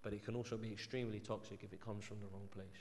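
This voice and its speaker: A man with an English accent preaching a sermon earnestly, climbing to emphatic peaks and then dropping to a soft, low voice. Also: level tone, very fast, slight background noise. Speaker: pastor. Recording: church hall reverb.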